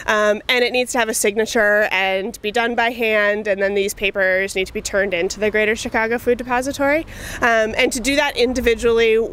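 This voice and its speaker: A woman's voice: mid-range voice, a bit bright, a little hiss or hum. A woman in her thirties who coordinates a food pantry, explaining the weekly routine in a casual, practical way with frequent ums. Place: outdoors beside a brick church, later inside a pantry room. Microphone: handheld lapel mic held up to the mouth.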